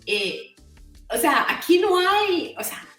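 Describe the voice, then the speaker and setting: A woman's voice: very high voice, very animated, takes it slowly, sharp tone, echoey room, distant mic, faint music behind. A middle-aged Costa Rican woman talking as an interview guest in a chatty way, full of "o sea" and "¿verdad?". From Costa Rica. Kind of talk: casual conversational interview.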